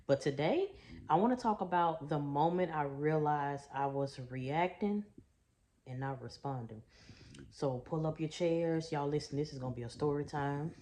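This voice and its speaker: In a low, dark voice at normal speed, a middle-aged Texas trauma coach from Houston tells her viewers a story in a folksy vlog, affectionately calling them "y'all" and "baby." A little hiss or hum runs underneath.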